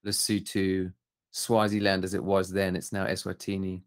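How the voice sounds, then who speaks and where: A man's voice: low-pitched, completely flat delivery, normal speed. A middle-aged man from Southern Africa, a photographer guest talking in a thoughtful, candid and self-questioning way. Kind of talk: reflective interview talk.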